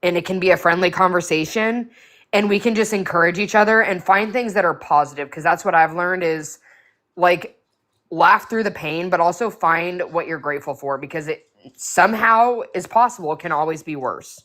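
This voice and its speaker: Woman talking with an echo on her voice, earnest, kinda low, encouraging the room. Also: normal speed, a bit bright. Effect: echoing sound. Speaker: speaker in a live audio chat room. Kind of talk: casual heartfelt talk.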